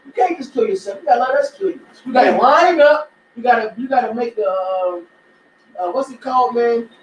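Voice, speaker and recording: A man with a strikingly high voice holds forth in a heated religious discussion, vehement and preachy. He sounds set back from the mic in an echoey room, with faint noise behind him. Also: lively intonation, brisk, far from the mic. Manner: vehement, preachy, repeats 'man' and 'you gotta'. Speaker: discussion participant.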